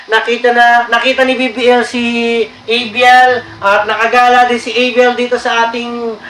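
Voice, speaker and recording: A man's voice: very high-pitched, flat delivery, moderate pace, fairly bright tone. A man hosting his own vlog outdoors by the sea, chatting casually and thanking his viewers often. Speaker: vlogger host. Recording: echoey with faint noise.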